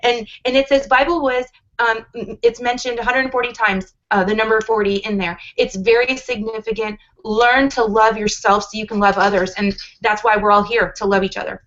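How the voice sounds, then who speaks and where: A woman's voice: fairly high pitch, fairly even intonation, moderate pace, fairly bright tone. Earnest rambling woman in her forties. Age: 40s. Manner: earnest, rambling with many restarts. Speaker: guest. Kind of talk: casual livestream chat. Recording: dull lo-fi livestream audio.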